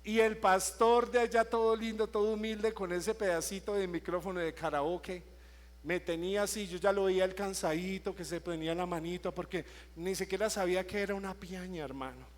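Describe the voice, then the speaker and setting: A man's voice: sits high, fairly even intonation, a little fast, long reverb tail. A man, teaching a sermon class, telling a story and then building to emphatic preaching. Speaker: worship teacher.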